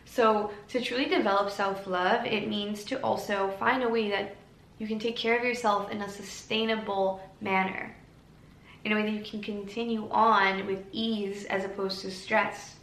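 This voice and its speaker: A woman hosting a solo podcast, talking calmly and gently in an encouraging way. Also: medium pitch, normal speed. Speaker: podcast host. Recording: echoey room with faint ambient noise.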